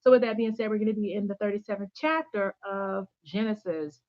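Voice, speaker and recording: A woman's voice: medium pitch, a little fast, dry recording. Woman, livestream host, chatty, upbeat, dry slightly dull home audio. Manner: chatty, upbeat, greets viewers by name and thanks them. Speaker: channel host giving faith-based teaching. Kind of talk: casual livestream chat.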